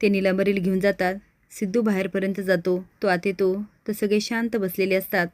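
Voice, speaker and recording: A woman narrates a TV serial recap in a steady, scripted way. Her pitch barely moves, and the recording is dry and close to the mic. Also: a little fast, no room sound. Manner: steady storytelling.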